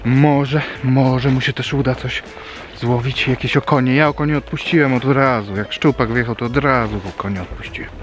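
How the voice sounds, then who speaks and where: Fishing at a small river, a man in his thirties films a casual outdoor vlog, chatting and explaining as he goes. He speaks at medium pitch with a steady tone and a moderate pace.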